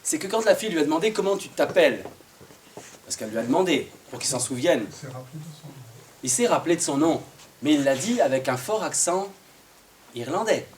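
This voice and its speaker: A man telling a Christmas tale to a live audience in a playful, animated way, sometimes singing and getting listeners to join in. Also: a little high, fairly quick, long pauses, slight background noise. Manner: lively, playful, sings and gets the audience to join in. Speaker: storyteller. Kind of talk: oral storytelling to a live audience.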